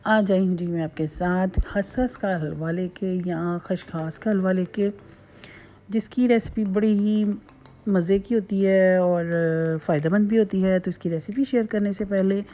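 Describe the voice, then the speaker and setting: A woman's voice: medium pitch, moderate pace, mellow. A woman, hosting a casual home cooking tutorial from her kitchen in a chatty, repetitive way with homely asides. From Pakistan. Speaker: cooking channel host.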